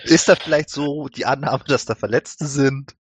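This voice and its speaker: A man's voice: medium pitch, moderate pace, slightly rough. A man playing in a tabletop game, joking around and sometimes hesitating over his words. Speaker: player. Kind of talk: casual chat at a tabletop game.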